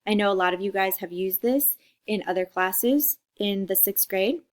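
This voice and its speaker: A woman's voice: mid-range voice, normal speed. A woman in her forties from Costa Rica, a teacher talking students through a class introduction video in a friendly, chatty way. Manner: friendly, chatty, checks in with "okay?".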